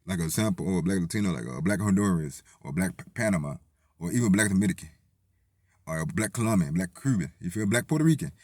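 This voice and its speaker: Man, low pitch, dry close sound, casual rambling monologue, profane. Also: animated, quick pace, darkish tone, no room sound. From Tennessee, USA. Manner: rambling, profane, lots of restarts and "you feel me". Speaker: vlogger.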